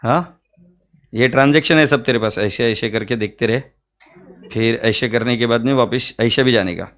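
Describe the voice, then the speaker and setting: A man with a medium-pitched, fairly bright voice teaches accounts in a joking, teasing lecture. He's playful and hums little sound effects as he works.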